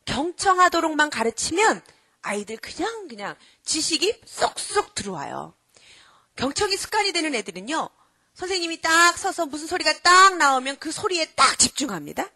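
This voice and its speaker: A middle-aged woman giving a lively lecture to an audience. She quizzes her listeners and acts out children and parents as she goes. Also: sits high, normal speed, no room sound. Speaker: character-education lecturer.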